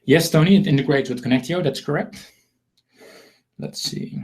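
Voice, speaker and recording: At a fairly high pitch and normal speed, with a darkish tone, a Dutch-accented man hosts an informal live sales webinar. He comes from the Netherlands, is selling marketing software, and wanders, repeats himself and runs himself down.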